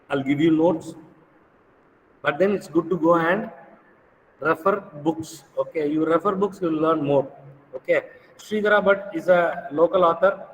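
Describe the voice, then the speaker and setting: A man's voice: a little high, big-room sound, a little hiss or hum, poor audio. A man with a Tamil accent giving an informal, instructive lecture to students, often repeating his phrases.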